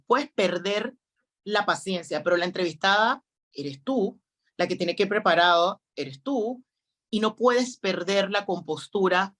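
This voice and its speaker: A middle-aged woman, a guest on a talk show, telling her stories in an expressive, quick, anecdotal way. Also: mid-range voice. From Panama. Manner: expressive, quick anecdotal delivery with acted quotes. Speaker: guest, public speaking trainer. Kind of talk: animated storytelling in a talk show interview.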